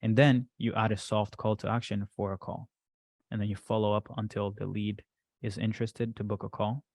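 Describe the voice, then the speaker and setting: A man's voice: fairly low pitch, level tone, normal speed, a little mellow, dry recording. A man coaching a group in a casual workshop talk. He speaks loosely, with many fillers and frequent "right?" checks. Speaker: business coach presenting to a group. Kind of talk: casual workshop presentation with screen share.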